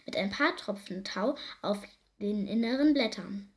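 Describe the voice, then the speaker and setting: A woman reading a children's story aloud in a calm, gentle narrating voice. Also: mid-range voice, a little slow.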